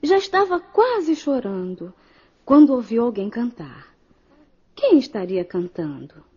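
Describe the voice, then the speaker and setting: A woman narrating a children's story in a scripted, expressive way, speaking directly to the young listener. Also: on the high side, a little slow. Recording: dull lo-fi audio.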